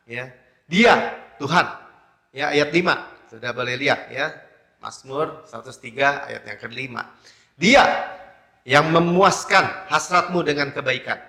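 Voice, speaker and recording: A man preaching a sermon as pastor, emphatic and halting, punctuating his phrases with a repeated affirming filler. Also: sits high, bright, forceful tone. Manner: emphatic preaching with frequent hesitations. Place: church. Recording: roomy echo.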